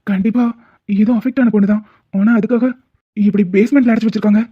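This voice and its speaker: A woman's voice: mid-range voice, steady tone, fast talker, breathy edge, natural voice. Woman as firm, protective male doctor, cartoon drama, tinny phone-like sound. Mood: firm reassuring. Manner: reassuring, firm. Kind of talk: cartoon voice acting.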